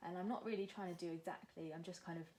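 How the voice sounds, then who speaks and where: A soft-spoken art tutor from New Zealand talks fast and with fairly even intonation while giving a drawing demonstration. She's casual, uses lots of fillers, and often drops into a soft, low voice as she draws.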